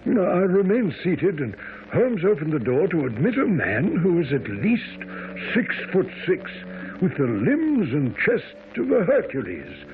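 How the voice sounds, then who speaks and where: An actor playing a mild, loyal doctor companion, speaking in a measured way in a radio mystery. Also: male voice, a little high, huge pitch swings, slight background noise, heavily acted. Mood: measured narrating. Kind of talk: radio drama acting and narration. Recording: tinny old radio recording.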